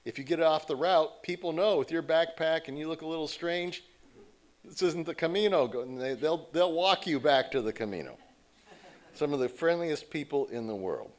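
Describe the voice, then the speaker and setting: Speaking as a guest at a church service, this American man tells stories from the pulpit in a relaxed, informal way, slipping into quoted voices. His voice sits on the high side, expressive, at a moderate pace.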